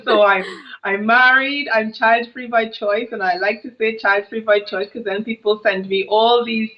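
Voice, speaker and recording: With the highs cut off, the audio presents a thirtysomething business coach from Trinidad whose voice is on the high side. Over an earphone headset on a video call from her brick-walled home office, she chats casually, telling stories and laughing frequently.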